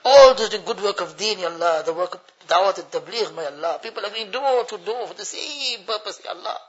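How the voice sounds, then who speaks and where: An older imam leads a tearful congregational supplication, pleading and repeating each plea with a refrain while his voice chokes with tears. His voice is high-pitched, expressive, fairly quick and slightly rough, captured on a dull lo-fi recording.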